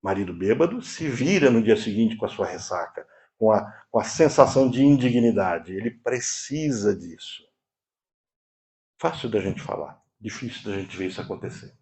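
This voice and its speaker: A man from Brazil preaching a sermon, moving from low quiet asides to high emphatic lines. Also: lively intonation, normal speed. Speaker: preacher and therapist.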